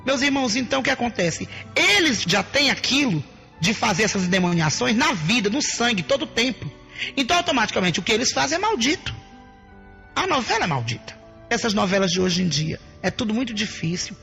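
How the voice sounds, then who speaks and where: A woman's voice: a little high, sing-song, fairly quick, vocal fry, a bit bright, faint music behind. A woman preaching her personal testimony in an emphatic way, often calling out to her listeners as brothers and sisters.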